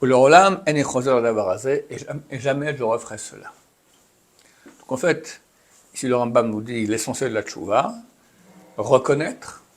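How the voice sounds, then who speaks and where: A man giving a religious lesson, reading Hebrew phrases aloud and explaining them in a chatty, conversational way. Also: medium pitch. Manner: reads Hebrew text then translates and explains, chatty asides. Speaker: rabbi teaching a class. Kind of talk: Torah lesson, explaining texts.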